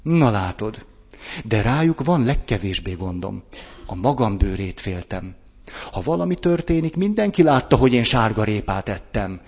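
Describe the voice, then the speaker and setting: A man's voice: on the low side, sing-song, a little mellow, slightly rough, full character voice. A man voicing a sly, self-serving male lion in a read-aloud story, speaking with a sardonic, scheming manner. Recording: dull lo-fi echoey hall.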